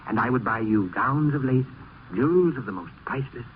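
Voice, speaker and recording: A tinny, faintly noisy old radio recording carries an actor as an ardent male poet. His pitch swoops as he pours out flowery, theatrical devotion in 1950s radio drama style. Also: animated, a little fast, natural voice. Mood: ardent, dreamy.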